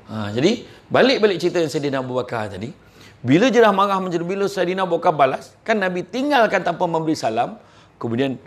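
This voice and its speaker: Lively storytelling man, slightly high voice. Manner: animated storyteller, colloquial and joking. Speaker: motivational speaker. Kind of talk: live motivational talk with religious stories.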